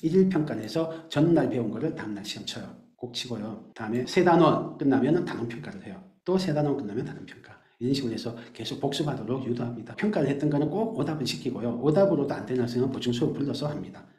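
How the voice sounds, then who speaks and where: A man teacher explaining his math classes to parents, animated, acting out quick scenes of teachers and students. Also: mid-range voice, echoey room.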